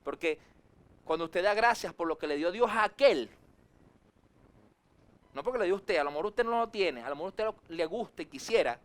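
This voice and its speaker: A man preaching a sermon as pastor, swinging his voice up and down for emphasis and acting out quick asides. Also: high voice, lively intonation, fairly bright tone. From Venezuela. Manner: preachy, rises and drops sharply for emphasis, acts out quick asides.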